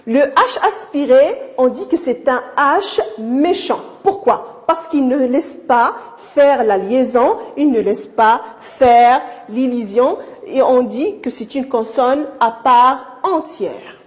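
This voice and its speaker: Here a woman with a high, animated voice teaches young children in a recorded primary school lesson. Patient and affectionate, she moves slowly, repeating herself and restarting words as she explains.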